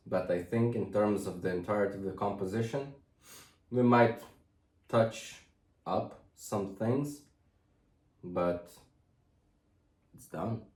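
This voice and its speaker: A man talking through his drawing work in a rambling way, now and then yelling toward a camera set far away. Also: deep voice. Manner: musing, trails off, then loud mock drill-sergeant yelling. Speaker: artist narrating his drawing process. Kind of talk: rambling studio commentary. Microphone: far camera mic. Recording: echoey room from far off.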